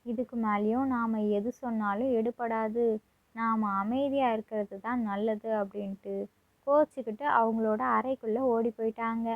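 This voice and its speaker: A woman narrating a family story and voicing its characters in a gentle, explaining manner. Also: on the high side, steady tone, normal speed, no echo. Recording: tinny phone-like dry recording.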